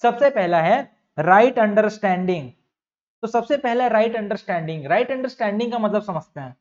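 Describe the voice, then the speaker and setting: A young man teaching an exam-prep lecture in a fairly high voice. He repeats key terms and throws questions at the class, calling his students bhaiya. The recording sounds dull and lo-fi. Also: lively intonation, normal speed, darkish tone. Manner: addresses students as bhaiya and bachcha.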